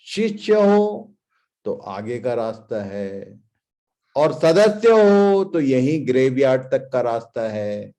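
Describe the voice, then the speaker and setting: A man's voice: mid-range voice, very animated, takes it slowly, warm tone. A man preaching a sermon, putting questions to the congregation and stressing points with English phrases. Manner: quizzes the congregation, emphatic, drops in English phrases.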